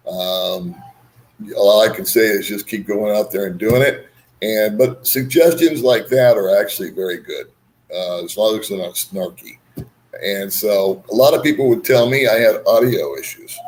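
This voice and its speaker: Man, lowish voice, livestream host, casual, rambling, easygoing banter. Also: darkish tone, rough recording. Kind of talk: casual live chat, reading and answering viewer comments.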